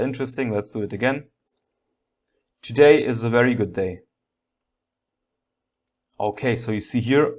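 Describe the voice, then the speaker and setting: A man giving a step-by-step programming tutorial, thinking aloud and often checking in with a short okay. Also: mid-range voice.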